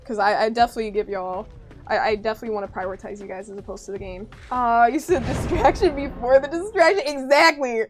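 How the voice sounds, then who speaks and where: A young woman with an American accent, chatting casually with her stream viewers in an animated, chatty way. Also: a little high, fast, soft background music. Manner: chatty, animated retelling, frequent laughter.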